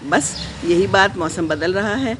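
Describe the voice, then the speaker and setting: A woman hosting a casual live stream from her garden, reading out viewer comments. She talks in a gentle, reflective, unhurried way with pauses, mixes in English phrases, and offers prayers and blessings. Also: fairly low pitch, slight background noise. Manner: prayerful, sprinkles blessings and wishes.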